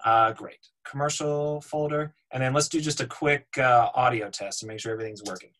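A man in his thirties, a voiceover demo producer, teaching a webinar from a home room over a webcam in a relaxed, explanatory way with frequent ums and uhs. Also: mid-range voice, brisk, rough recording. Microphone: webcam on video call.

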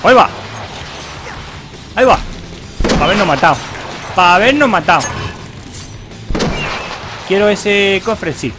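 A man's voice: sits high, expressive, unhurried, pauses often, over music. A man from doing playful, jokey let's play commentary, clowning in character. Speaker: gaming YouTuber.

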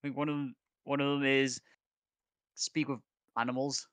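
A man's voice: mid-range voice, flat delivery, normal speed, fairly bright tone, dry recording. A man talking as a player in a tabletop game, rambling and stammering. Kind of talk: casual chat.

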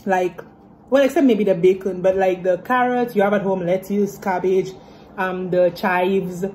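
A woman's voice: medium pitch, steady tone, a little slow, darkish tone. Chatty young woman vlogging on a phone. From Saint Lucia. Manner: chatty, upbeat, says "literally" and "like" often. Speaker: medical student vlogger. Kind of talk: casual vlog chat. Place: stadium, kitchen, hospital hallway and lab. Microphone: phone camera at arm's length. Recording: phone vlog with clear background noise.

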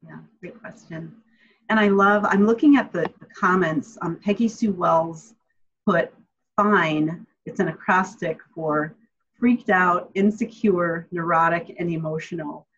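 Low husky lady on a video call from home, friendly, thinks out loud with ums, kinda muffled webcam sound. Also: unhurried. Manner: friendly and reflective, with frequent ums. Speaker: guest speaker. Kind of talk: answering audience questions on a video call. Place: home room, indoors.

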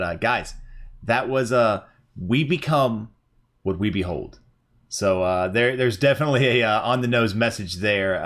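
Over game music, a man with a lowish, fairly bright voice plays a video game and commentates casually. He's a gaming channel host who reacts out loud and swears freely in this let's-play.

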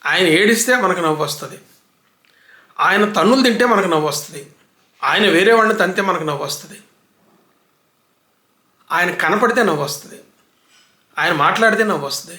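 A man gives an unhurried, lecture-style talk as a literary commentator, stacking up one example after another. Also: high voice, pushed and bright. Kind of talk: reflective book talk. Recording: echoey room.

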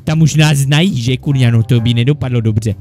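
A slightly mellow, mid-range male voice carries over faint music. As a gaming YouTuber in a comedic Minecraft parody, he chatters in a jittery, panicky way, swears often but mildly, and swaps between two squabbling sidekicks.

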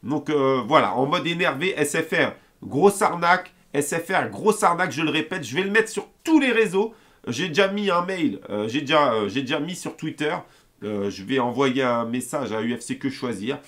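A man's voice: medium pitch, expressive, normal speed, a bit bright. A young man rants angrily to his viewers in a casual, heated way, swearing often and acting out his phone calls. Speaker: gaming YouTuber ranting to viewers. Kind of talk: angry casual rant to camera.

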